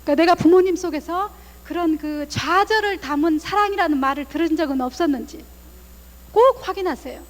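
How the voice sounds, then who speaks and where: A woman in her thirties, a family counselor giving a lively guest lecture to a church audience, acting out parents' words as she talks. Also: very high voice, long reverb tail. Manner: animated, acts out parents' lines in quoted voices. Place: church hall.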